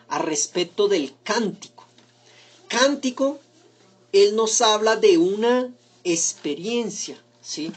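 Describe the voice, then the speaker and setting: A man's voice: sits high, husky. Conversational male pastor preaching. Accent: mixed accent. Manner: rhetorical questions, addresses listeners as beloved brothers; conversational, frequent restarts and "¿no?" tags. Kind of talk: sermon.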